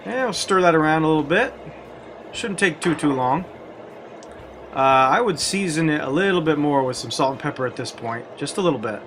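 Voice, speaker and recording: A man's voice: a little high, lively intonation, moderate pace, fairly bright tone, slight background noise. A man hosting a cooking video, walking through a recipe step by step with wry, self-deprecating jokes. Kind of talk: cooking demonstration with jokey asides.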